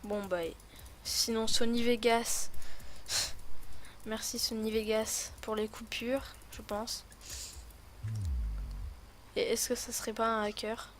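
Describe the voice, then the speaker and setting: A woman's voice: fairly high pitch, level tone, slow, pauses often, a little hiss or hum. A woman with a lisp on her s sounds, rambling and thinking aloud in casual commentary as she hosts a gaming video.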